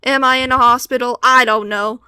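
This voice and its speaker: A woman's voice: fairly high pitch, fairly even intonation, brisk, sharp tone, clear, resonant tone, dry recording. A teenage girl telling a personal story casually, with wry, exasperated complaints and acted-out quotes.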